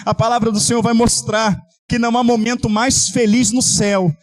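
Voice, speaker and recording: A Brazilian man preaching an impassioned altar-call sermon, often shouting and half-singing his pleas. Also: very high-pitched, flat delivery, moderate pace. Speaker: pastor.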